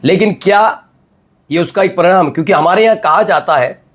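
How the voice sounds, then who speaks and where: Emphatic male news anchor. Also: high voice. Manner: emphatic, rhetorical questions, drawn-out pauses. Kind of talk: Hindi news commentary.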